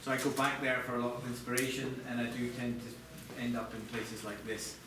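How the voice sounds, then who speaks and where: A middle-aged Scottish designer, chief of TV product, presents live to an audience in an echoey room, picked up by a distant mic amid clear background noise. His mid-range voice barely moves in pitch and runs a little fast. Delivery is conversational and hesitant, with restarts.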